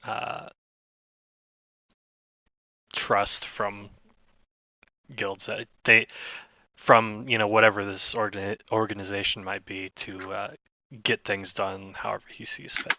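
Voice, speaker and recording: Slow, hesitant man running a tabletop game. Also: lowish voice, level tone, bright, forceful tone, no room sound, muffled recording. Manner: hesitant, many fillers, searching for words. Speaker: game master.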